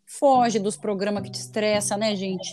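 A woman in her thirties hosting a casual podcast chat, expressive and jokey, swearing frankly. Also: mid-range voice, moderate pace, soft background music. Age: 30s. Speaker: podcast host.

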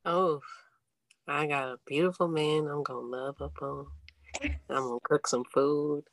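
A woman who is a podcast guest, talking bluntly and relaxed in a casual conversation, swearing casually. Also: deep voice, unhurried, dry recording, low-quality recording.

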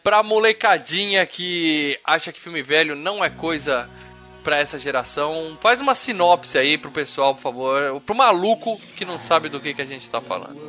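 A man hosts a casual podcast. His voice is fairly high and bright, and his delivery swings lively up and down. Soft music plays under him. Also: moderate pace. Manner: animated, joking. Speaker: podcast host.

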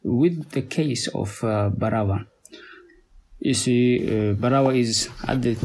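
A man with a Somali accent, a native Somali speaker, talking as a podcast guest in a halting way, with many pauses and repeated words. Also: medium pitch, darkish tone. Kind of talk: conversational interview.

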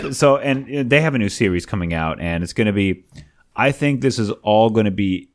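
A man with a very deep voice co-hosts a casual chat in a relaxed, agreeable way. He chimes in often with quick agreement and keeps the talk moving. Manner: easygoing, agreeable, chiming in. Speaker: podcast co-host.

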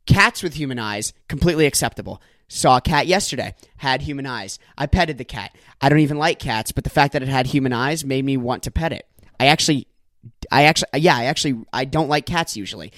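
A man's voice: fairly high pitch, no echo, studio quality. A young man hosting a solo comedy podcast, doing exaggerated mock-angry rants laced with swearing. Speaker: podcast host.

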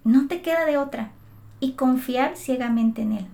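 A woman from Mexico with a fairly high voice tells her story of faith in an earnest, emotional way. She circles back and restarts her phrases as she gathers her thoughts, speaking as a guest in conversation. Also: moderate pace, gravelly, warm tone. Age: adult mother. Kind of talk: heartfelt testimony in conversation.

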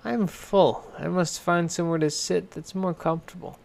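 A man's voice: high voice, fairly even intonation, normal speed, gravelly. A man voicing a curious little girl who talks to herself in a storybook reading.

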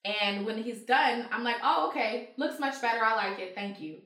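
Woman, casual chat, animated storyteller, bright forceful voice, roomy echo, a bit off-mic. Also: a little high, normal speed, distant mic. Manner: animated storyteller, acts out heated quotes, swears freely. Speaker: guest telling stories. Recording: echoey room, voice from off-mic.

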